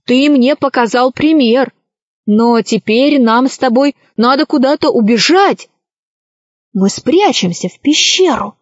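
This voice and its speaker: A woman's voice: high-pitched, expressive, a little slow, no echo. A woman playing a gushing, theatrical pirate queen. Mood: sly. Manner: gushing and exclamatory. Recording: dry, slightly dull recording.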